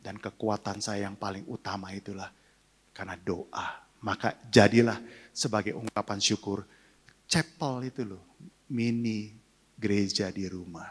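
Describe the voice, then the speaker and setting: Husky low-voiced older man preaching. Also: steady tone, measured pace. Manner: personal testimony, emotional, leads prayer. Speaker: pastor. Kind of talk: sermon.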